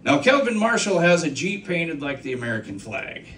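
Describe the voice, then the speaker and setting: On a small comedy club stage, a middle-aged man does a trucking routine at normal speed, very animated and fairly high-pitched, using sound effects and asides to the crowd. Filmed from the audience with his handheld mic, the sound is distant and echoey, with a noisy background and laughter.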